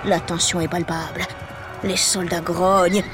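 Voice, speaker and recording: A woman's voice: on the low side, level tone, measured pace. A woman telling a children's story in a playful, theatrical way, full of exclamations. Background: music.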